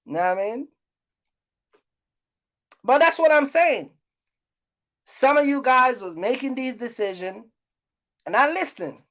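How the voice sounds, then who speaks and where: Her voice sits high, expressive and a bit bright, moving a little slowly with long pauses. She's a YouTuber giving trucking business advice in a casual, unscripted rant, bluntly scolding viewers and repeating herself for emphasis.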